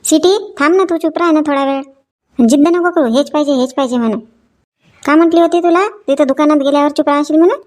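A woman's voice: high voice, fast, darkish tone. A woman playing a mother in a comedy sketch, haggling over prices with a sarcastic, scolding edge. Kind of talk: comic sketch acting.

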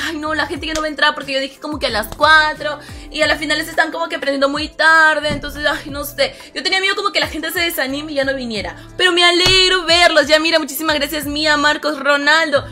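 High-pitched bright-voiced woman streamer. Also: fairly even intonation, soft background music. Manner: chatty, greets viewers one by one and reads out comments; ends phrases with a low, drawn-out "hermano". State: voice strained, rough. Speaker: live-streaming gamer. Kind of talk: casual live-stream chat.

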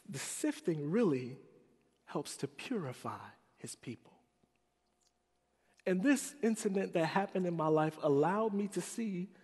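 A man from Chicago preaches through a personal story, animated, humorous and confessional. His voice sits a bit high. A long hall reverb hangs behind his words. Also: slightly rough. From Chicago, United States. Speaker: chapel speaker. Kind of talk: storytelling sermon.

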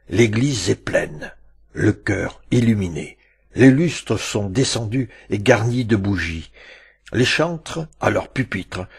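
A man narrating a classic tale aloud with a dramatic, storytelling delivery and many pauses. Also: lowish voice, gravelly, slightly rough.

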